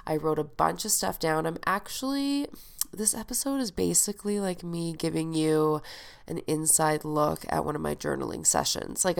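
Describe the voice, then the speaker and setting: A young woman hosts a podcast with casual, chatty talk, her low, gravelly voice clear and resonant. A head cold leaves her nasal and stuffed up, and she swears freely.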